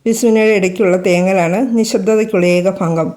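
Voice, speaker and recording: A woman narrating a romantic story in slow, lyrical storytelling. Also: mid-range voice, steady tone, a little mellow.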